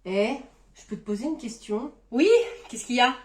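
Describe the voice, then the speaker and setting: A woman's voice: on the high side, moderate pace, reverberant. A woman acting out short comedy skits with playful banter, playing every part herself. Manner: playful, bantering, switches between characters. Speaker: comedy sketch creator.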